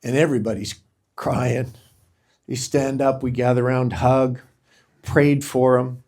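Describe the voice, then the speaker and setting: A man's voice: medium pitch, little pitch movement, a little slow, a little mellow. A middle-aged man giving an earnest, inspirational talk to a group of men, speaking with a preacher-like, emphatic cadence. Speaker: speaker at a men's gathering.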